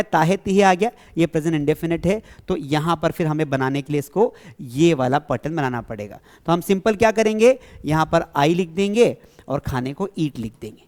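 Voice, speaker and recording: A man teaching an English grammar lesson to a class. He keeps checking that the students follow, and he asks questions and then answers them himself. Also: a little high. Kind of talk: classroom lesson explaining tenses.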